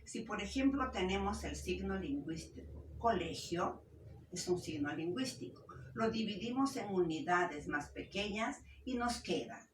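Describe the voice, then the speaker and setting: A woman teacher giving a language lesson, explaining slowly, splitting words into syllables and checking in with her pupils. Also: medium pitch, expressive. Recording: roomy echo, voice from a distance, faint background hiss.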